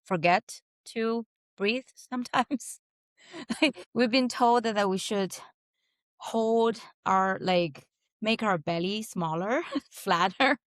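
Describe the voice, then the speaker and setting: A woman writer in a casual group conversation, speaking haltingly as she searches for her words. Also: mid-range voice, no echo.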